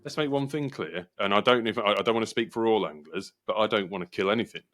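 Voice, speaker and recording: An English man hosting a casual podcast, talking in an animated, argumentative way and acting out quoted voices. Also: on the low side, fast talker. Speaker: podcast host.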